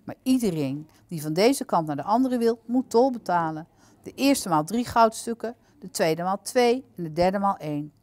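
A stern middle-aged guard who lectures and warns in a firm, slightly louder voice, as a woman reads him. It is a storybook reading, recorded dry and close. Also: mid-range voice, lively intonation, normal speed, dry recording, natural voice. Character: gruff middle-aged male guard, warning.

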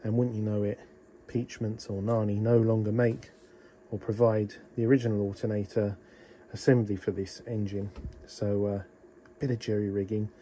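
A man with a warm, lowish voice speaks flatly at a moderate pace with few pauses while demonstrating an engine oil change on his boat. He talks into a phone held in one hand in a small cabin, chatty and practical with many ums, over a little hiss or hum.

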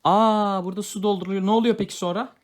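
A man's voice: sits high, fairly even intonation, quick pace. A father chatting playfully and coaxingly with his young daughter while they unbox a toy together. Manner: playful, coaxing, talks gently to a child. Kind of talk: casual family toy unboxing.

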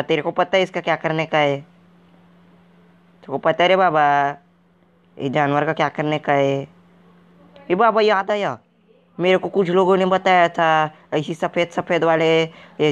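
A man voices a bumbling, uneducated game wanderer for comic gaming commentary, staying in character as someone clueless and excitable. Jumpy and naive, he tacks a long "re baba" onto almost every line. His natural voice is a little high with a clean tone, though the recording is muffled.

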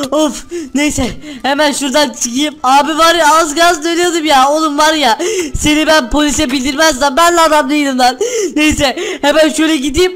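Man as a shrill, bragging Minecraft villager, excitable and whiny. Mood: whining. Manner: excitable, panicky, loud whining. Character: boastful male Minecraft villager robbed by pranksters. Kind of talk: Minecraft role-play voice acting.

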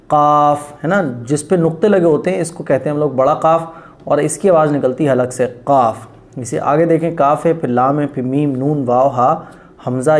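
Patient male Quran teacher, slightly high voice. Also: darkish tone. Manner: slow, drawn-out demonstration of letter sounds; patient, repeats each sound and asks if it is clear. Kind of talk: pronunciation lesson.

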